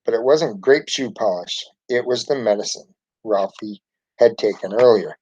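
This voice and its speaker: A man reading a children's picture book aloud in a steady narrating voice. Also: fairly low pitch, moderate pace, slightly rough, lo-fi sound. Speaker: storybook reader.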